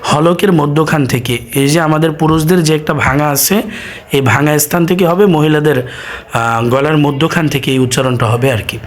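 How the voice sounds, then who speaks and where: A man teaching Quran reading, drilling each sound slowly and answering his own questions. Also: a little high, fairly even intonation. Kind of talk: slow drilled recitation lesson.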